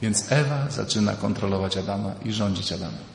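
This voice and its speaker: A man preaches a retreat talk in a big echoing hall, with a long tail of reverb behind his voice. His delivery is animated, dipping low and rising high as he acts out quoted voices. A faint hum of the room sits underneath. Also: brisk, gravelly. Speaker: priest giving a retreat talk. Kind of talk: lively retreat sermon with acted quotes. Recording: echoey hall, faint ambience.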